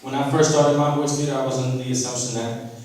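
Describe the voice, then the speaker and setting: A man in his thirties from Brooklyn, giving an emotional, halting reunion speech to an audience, with many fillers. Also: medium pitch, flat delivery, a little mellow. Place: indoor event hall. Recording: echoey hall from far off, faint noise.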